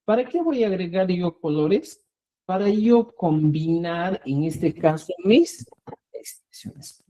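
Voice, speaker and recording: A man's voice: high voice, lively intonation, takes it slowly, dark tone, low-quality recording. A man teaching a Quechua lesson, repeating words and checking in with his students. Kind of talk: online language lesson.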